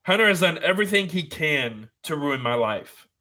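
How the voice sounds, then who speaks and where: A man's voice: a little high, big pitch swings, moderate pace, pushed and bright. A man voicing a defiant adult male wrestler cutting a brash, taunting promo.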